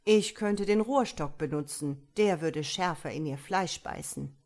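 A woman's voice: low-pitched, a little slow, darkish tone. A woman reading aloud and voicing a cruel male dwarf clown who speaks sternly and mockingly in a theatrical way.

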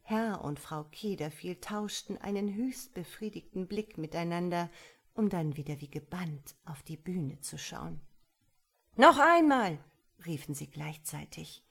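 A woman narrates a story in audiobook style, calm and measured. Her voice sits very low with a husky grain. She takes her time over each sentence.

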